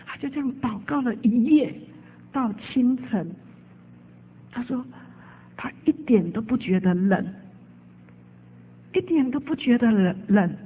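A woman's voice: fairly high pitch, breathy edge. A woman preacher telling an emotive story in a sermon. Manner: emotive, with frequent "hao" fillers. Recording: tinny phone-like sound.

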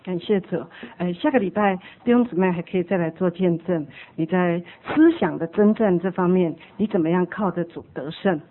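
A woman leading a church meeting, gently encouraging the congregation with light laughter. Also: fairly low pitch, fairly quick, hardly any pauses. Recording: tinny phone-like sound.

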